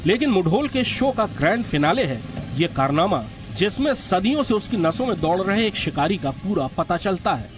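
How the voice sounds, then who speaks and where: High-voiced male documentary narrator over music. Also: big pitch swings, moderate pace. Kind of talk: scripted narration.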